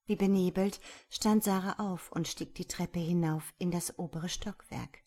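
A woman with a fairly low voice reads a story aloud, softly and with feeling. At the tender moments her voice sinks almost to a whisper. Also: steady tone, measured pace. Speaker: narrator. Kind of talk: storybook reading.

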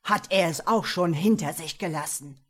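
A thundering demon lord of fire rolls out each word low, loud and slow, as a woman puts him on. He speaks with commanding menace in this read-aloud fantasy tale. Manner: booming, commanding.

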